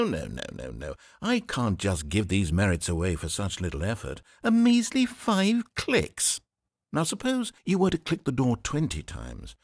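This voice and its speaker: An actor voices the fussy, needy male narrator of an office video game in a high, heavily acted voice. His sarcastic delivery swings between pleading, wry sarcasm, and giddy excitement.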